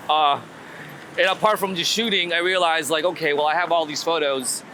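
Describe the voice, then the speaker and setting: His pitch is fairly high and his tone sharp, delivered at an ordinary speed. Walking a city street for a relaxed interview about his street photography, he repeats words while thinking out loud, and the outdoor recording carries traffic and city ambience.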